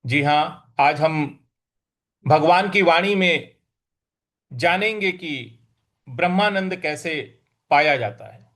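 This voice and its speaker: A man with a notably high voice leads a scripture recitation lesson. He chants the verses in a drawn-out way, then steps through how each syllable is pronounced. His overall delivery is slow and measured. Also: animated, fairly bright tone. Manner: chants verses slowly, then explains pronunciation briskly. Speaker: scripture teacher.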